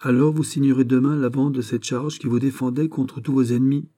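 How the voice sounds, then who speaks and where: A man's voice: medium pitch, steady tone, fairly quick, mellow, pitched above the performer's own voice, natural voice. A man voicing a scheming nobleman in a novel reading, pressing with insistent questions.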